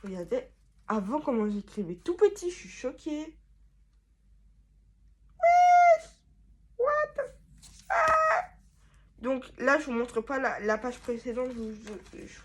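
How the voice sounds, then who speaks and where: A young woman chatting casually in her bedroom, reading from her old notebooks with a rambling, self-mocking manner and sudden loud exclamations. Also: a little high, lively intonation, moderate pace, background noise. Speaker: vlogger.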